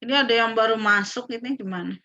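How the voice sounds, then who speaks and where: A woman's voice: fairly high pitch, quick pace, sharp tone, highs cut off. A woman lecturer teaching an online class, hesitant with many fillers, her voice cutting in and out over a bad call connection. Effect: choppy, breaking-up call audio. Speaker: university lecturer. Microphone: video call.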